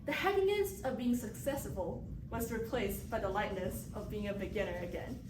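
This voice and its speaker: A woman's voice: medium pitch, moderate pace. A woman delivering a rehearsed motivational speech at a contest. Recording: echoey room, distant mic, loud noise.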